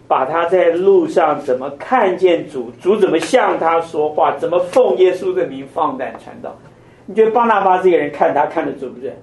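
A man's voice: a little high, a little mellow, slight background noise. An older man teaching a conversational Bible study, asking his listeners many questions. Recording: echoey room, mic at a distance.

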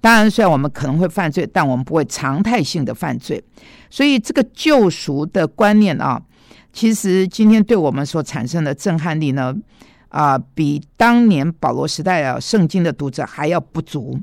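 A man's voice: on the high side, expressive, moderate pace, vocal fry, dry recording, clean studio sound. A man preaching a sermon, explaining Greek word roots with emphatic rhetorical asides. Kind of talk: sermon teaching.

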